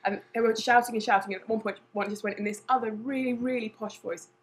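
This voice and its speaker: A woman from Cornwall co-hosting a casual chat, telling stories in a quick, chatty way. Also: a little high, fairly even intonation, slight background noise. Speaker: co-host.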